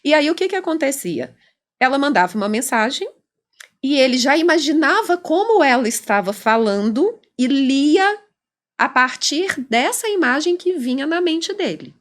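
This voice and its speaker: Brazilian woman, clinical psychologist guest, fairly high voice, animated explainer. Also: moderate pace. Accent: Brazilian Portuguese. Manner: animated, explanatory, acts out quoted dialogue. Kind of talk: conversational podcast interview.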